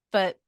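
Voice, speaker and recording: A woman in her late twenties co-hosts a casual podcast, telling stories with plenty of laughter and lots of "like" fillers. Her voice is a little mellow, captured in a dry, studio-quality recording.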